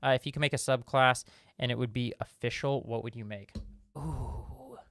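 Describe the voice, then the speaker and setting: Man with a gravelly voice, casual stream Q&A. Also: mid-range voice, normal speed, no echo. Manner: relaxed, rambling, many fillers and restarts. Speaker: streamer answering viewer questions.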